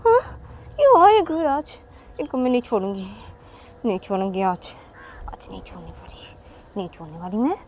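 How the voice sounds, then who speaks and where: A woman voicing an angry, jealous young man in a home-made storybook tale, shouting threats in a shrill voice. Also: big pitch swings, moderate pace, pauses often, a little hiss or hum, close to an everyday voice. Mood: furious.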